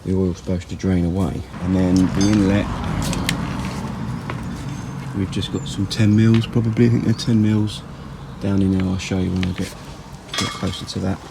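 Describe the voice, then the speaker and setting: A man's voice: sits low, flat delivery, brisk, vocal fry, noisy background. A man casually talking through an engine strip-down outdoors, rambling and plain-spoken, correcting himself as he goes. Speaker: car repair vlogger. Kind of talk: casual workshop commentary. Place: outdoors in a yard.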